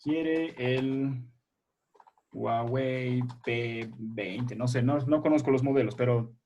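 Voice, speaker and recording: A man's voice: mid-range voice, slow, darkish tone, lo-fi sound. A male primary school teacher leading a remote class over a video call, explaining patiently step by step and quizzing his pupils.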